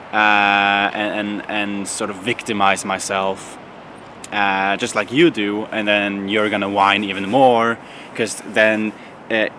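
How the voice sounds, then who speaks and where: A young man talks casually to his viewers, with a bright, forward tone that sits a little low in pitch. He meanders, full of ums and restarts. Faint traffic and street sounds hum behind him outdoors. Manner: rambling, many fillers and restarts. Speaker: vlogger. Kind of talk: casual vlog monologue.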